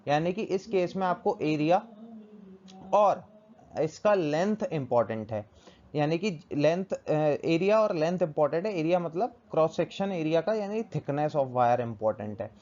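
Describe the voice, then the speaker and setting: Male tutor, mellow tone, repetitive question-and-answer teaching, lo-fi sound. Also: fairly high pitch, animated, a little slow. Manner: asks questions and answers them himself, repeats key terms. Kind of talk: classroom physics lesson. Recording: dull lo-fi recording.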